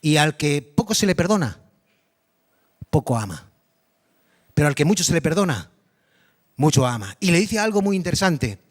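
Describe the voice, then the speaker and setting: Male pastor, high voice, animated sermon delivery that quizzes the congregation. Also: moderate pace, long pauses. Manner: animated, dramatic storytelling with repetition; addresses the congregation directly with questions. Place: church congregation.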